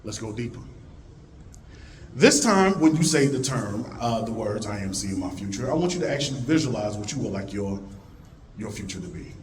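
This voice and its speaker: Addressing a live conference crowd at normal speed, a man with a deep voice delivers an animated motivational speech that moves from loud rallying calls to quiet, low-toned moments. The hall recording carries a little hiss or hum.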